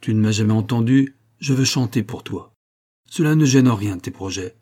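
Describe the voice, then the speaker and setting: A man voicing a jovial, theatrical male opera singer who speaks in a lively, expansive and commanding way. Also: lowish voice, normal speed, natural voice.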